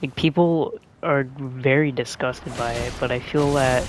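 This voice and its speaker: A young male gaming streamer rambles over the game he's playing in a medium-pitched, steady voice at a measured pace, with background noise. He's soft-spoken and hesitant, musing with lots of "like," fillers, and restarts.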